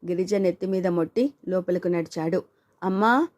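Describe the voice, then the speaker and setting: A woman's voice: fairly low pitch, fairly even intonation, moderate pace, warm tone, dry recording, clean studio sound. A woman narrating a family story as an audiobook and voicing its characters in her own voice. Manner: reads all characters, male and female, in her own voice.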